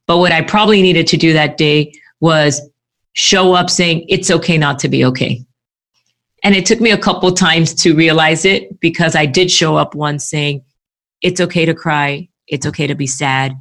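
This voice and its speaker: Low-voiced candid woman podcast guest. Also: moderate pace. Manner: warm, reflective and candid. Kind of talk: casual podcast conversation.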